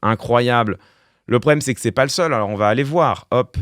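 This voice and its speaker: A man's voice: medium pitch, fairly quick, fairly bright tone, no room sound, studio quality. A man streamer giving casual live-stream commentary, thinking aloud with fillers and restarts. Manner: talks through thoughts with fillers and restarts, wry laughs.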